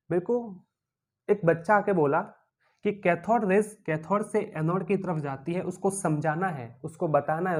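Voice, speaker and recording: A man with an Indian accent teaching physics in a classroom lecture, repeating key terms as questions to the class and acting out objects as characters in playful stories. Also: on the high side. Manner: animated, acts out objects as characters.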